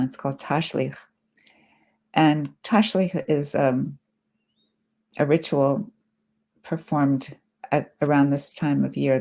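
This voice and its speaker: Middle-aged woman, poet, poetry reading, low voice, vocal fry, reflective. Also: mellow.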